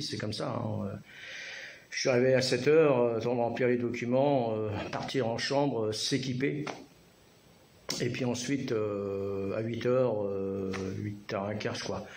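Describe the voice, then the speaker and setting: A tired man, worn out after surgery and anesthesia, chatting casually to camera in a rambling, halting way and repeating himself. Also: mid-range voice, darkish tone. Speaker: vlogger. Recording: echoey room, clear background noise.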